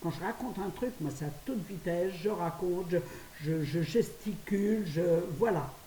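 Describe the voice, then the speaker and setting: In a casual chat to her phone camera, this older woman from France, a vlogger, speaks rapidly at home and chuckles at her own tales. Her tone is mellow and fairly low. Faint hiss and a roomy, faraway quality mark the phone audio.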